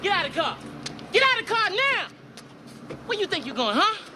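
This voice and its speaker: A brash, cursing movie detective barks orders in a very high, shrill voice that jumps wildly up and down. City traffic roars behind him in the film clip. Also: male voice, sing-song. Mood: bossy. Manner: shrill, fast-talking, swearing, bossy. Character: brash loudmouthed male FBI detective, impatient and rude. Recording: film clip with loud street noise.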